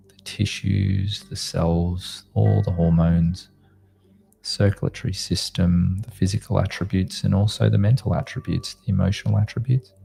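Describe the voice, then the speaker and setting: A man with a very dark, relaxed voice and a creaky edge leads a guided meditation over music. He speaks like a sleep story narrator, gently and soothingly, leaving space between short phrases. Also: deep voice. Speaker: meditation guide, host of a live group session.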